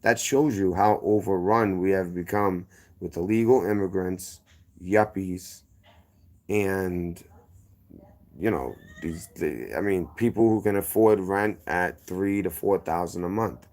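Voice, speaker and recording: A man from Boston's inner-city neighborhoods, with a strong Boston accent, tells his story as a guest. His voice sits low and is a little mellow and unhurried. He rambles through tangents, keeps circling back, and corrects himself as he goes.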